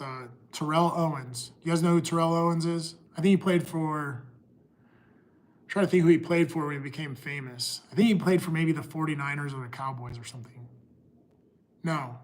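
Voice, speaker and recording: A middle-aged man talking casually to his livestream viewers, pausing and restarting often. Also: a little high. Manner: halting, restarts often, talks to chat. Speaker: livestream host.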